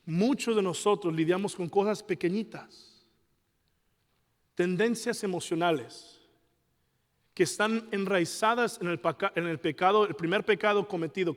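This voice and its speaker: A man's voice: high-pitched, big-room sound. A male pastor, preaching a passionate sermon and mimicking his congregants' excuses. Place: large church hall.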